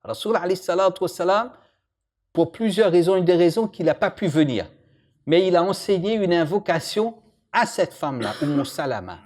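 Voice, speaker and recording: A man's voice: sits high, moderate pace. A man giving an informal religious lesson, joking with the audience and putting questions to it. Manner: lively, jokes with and questions the audience. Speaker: imam teaching a religious lesson.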